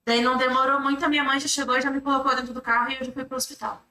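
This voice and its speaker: A Brazilian woman testifying in court, her voice high and bright as she rushes through a long rambling account. She ties her clauses together with the same fillers over and over. The recording sounds echoey, picked up from a distance in a courtroom. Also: flat delivery. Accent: Brazilian Portuguese. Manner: rambling retelling, strings clauses with repeated fillers. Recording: echoey room, mic at a distance.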